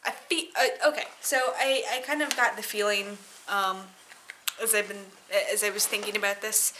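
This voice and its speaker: Tipsy woman on a slow, sharp-edged rant. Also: mid-range voice. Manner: tipsy, loose drunken rambling; sweary, sarcastic, exasperated. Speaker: solo vlogger reviewing a film. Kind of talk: casual spoken rant.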